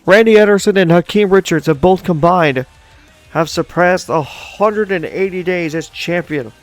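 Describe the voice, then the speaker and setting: A man's voice: high-pitched, moderate pace, soft background music. A man hosting and commentating a live online wrestling show, hyping upcoming events to the folks watching and chatting with his co-host. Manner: hype announcer tone, addresses folks, chatty with co-host.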